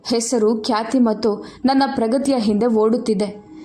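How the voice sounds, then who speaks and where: A woman's voice: fairly high pitch, steady tone, moderate pace, warm tone, natural voice. A woman voicing a remorseful young male lawyer who speaks earnestly.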